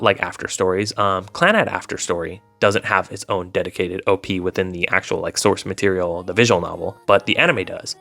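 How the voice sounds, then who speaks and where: A man with a low, creaky, fairly bright voice reviews visual novels as a video host, offering casual commentary in a rambling, hedging manner. Background music plays beneath his voice.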